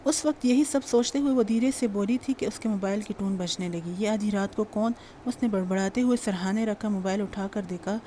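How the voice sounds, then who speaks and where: Mellow-voiced woman reading a novel. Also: medium pitch, few pauses, slight background noise. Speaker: audiobook narrator. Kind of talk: scripted novel narration.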